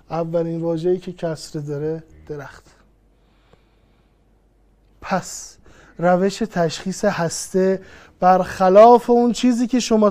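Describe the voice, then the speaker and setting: A woman teaching grammar in an online lesson, with a voice of ordinary middle pitch. She is patient and methodical, stating a rule and then repeating it over several worked examples. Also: darkish tone. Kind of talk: online lesson, explaining step by step.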